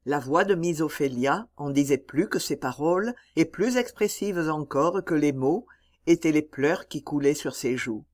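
An audiobook reader giving a slow, measured, solemn narration of a classic novel. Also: mid-range voice, animated.

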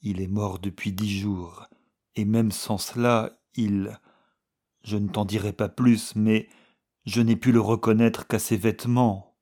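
A frightened old husband, weary and hesitant, his words shaky, read by a man. The voice sits low and slow, with a husky edge. It is an audiobook reading. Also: little pitch movement, a little mellow. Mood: trembling.

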